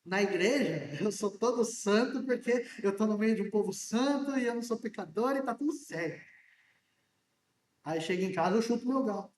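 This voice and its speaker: A male pastor preaches a sermon in a casual, joking way, firing questions at his congregation. His voice sits high, and he talks loudly because he is hard of hearing. He is picked up from some way off in an echoing church hall. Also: animated, moderate pace. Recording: echoey church room from a distance.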